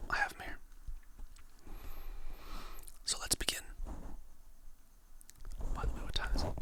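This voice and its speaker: Quotes meant to motivate, along with affirmations, are whispered slowly and soothingly by a content creator in ASMR style. After reading each quote, the creator names its author.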